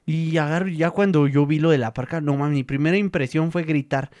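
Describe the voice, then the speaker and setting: Speaking fairly quickly in a higher-leaning voice, a young man with a Mexican Spanish accent runs a laid-back vlog chat. His storytelling is animated, playful, and heavy on slang.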